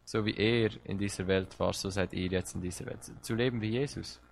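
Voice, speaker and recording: Lower-voiced man preaching with fervor. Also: steady tone, brisk, creaky. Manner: impassioned, direct address with rising emphasis and repeated words. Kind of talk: sermon.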